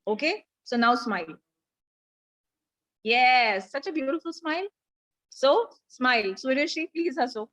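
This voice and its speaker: Indian lady coaching pageant girls on a video call, kinda high voice, slow and deliberate, really projecting. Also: poor audio. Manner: energetic, projected voice pitched above her normal talk; mixes English and Hindi, coaxing and directing the class. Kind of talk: live online coaching session.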